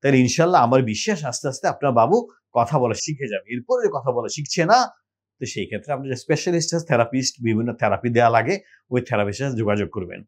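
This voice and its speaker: A middle-aged man from Bangladesh, a pediatrician, giving earnest parenting advice straight to camera, drawing out example words slowly and repeating them. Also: medium pitch, expressive. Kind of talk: direct-to-camera health advice talk.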